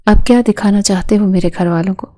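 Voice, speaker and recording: A woman's voice: medium pitch, steady tone, mellow, natural voice. A woman reading the lines of a frightened young woman who accuses through tears. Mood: tearful. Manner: tearful, accusing.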